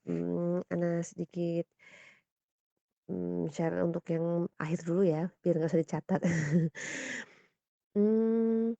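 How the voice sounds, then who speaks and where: A woman teaching Quran recitation in voice notes, gently correcting students and slowly modeling Arabic sounds. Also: on the low side, vocal fry, dry recording. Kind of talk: voice-note feedback on recitation. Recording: dull, lo-fi voice note.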